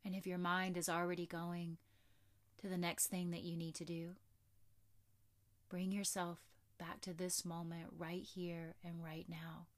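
A woman yoga instructor giving slow, guided instructions for stretching and breathing. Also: on the low side, flat delivery.

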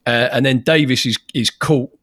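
A man talking through a football match on a podcast, working his points out carefully and repeating words as he gets going. His voice sits at an ordinary pitch and sounds close and dry, with no room around it. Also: moderate pace, a bit bright, breathy edge, no room sound. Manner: thoughtful, repeats words when starting. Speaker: podcast co-host. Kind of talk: casual football podcast chat.

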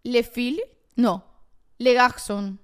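Chatty Venezuelan woman, slightly high voice. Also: fairly even intonation, extremely slow, a bit bright, smooth. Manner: chatty, laughs easily. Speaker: podcast co-host. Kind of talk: casual chat.

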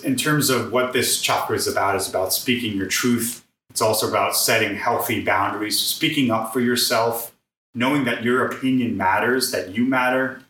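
A man's voice: medium pitch, bright, forceful tone, far from the mic. A man teaching healing vowel sounds as a podcast guest, singing each tone and checking in with "right?". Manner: demonstrates vowel tones by singing them; earnest, ends points with "right?". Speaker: vocal sound healer guest. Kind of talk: guided chakra sound teaching. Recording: echoey room, voice off-mic.

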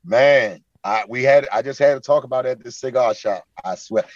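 A man in his forties tells his stories in an easy, animated way, slipping into the voices of people he quotes. His voice sits mid-range for a man. The sound is a bit dull and lo-fi, with a dry, close feel. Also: mid-range voice, fairly quick, dry recording. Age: 40s. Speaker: guest, former pro basketball player. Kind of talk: casual storytelling. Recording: slightly lo-fi, dry.

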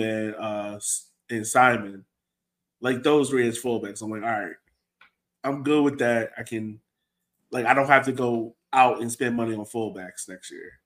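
Co-hosting a soccer fan show, this man has a mid-range voice with a fairly bright tone. He keeps things conversational, throwing questions to his co-host in easygoing sports chat.

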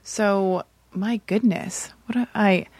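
A woman from Los Angeles hosting a casual interview, animated and quick to interrupt and clarify. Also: mid-range voice, no echo. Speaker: podcast host.

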